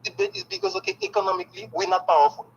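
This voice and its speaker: The Haitian speaker, talking in his native tongue, responds to interview questions very fast in a high voice with vocal fry. Excited and emphatic, he fills his answers with "okay," while the audio is dull with slight background noise.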